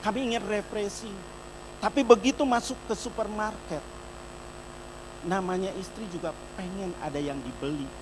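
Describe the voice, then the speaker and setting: A middle-aged man preaching a sermon in church, telling a personal testimony and speaking directly to the congregation, moving between loud emphatic peaks and soft, quiet storytelling. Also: sits high, normal speed, noisy background. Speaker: pastor.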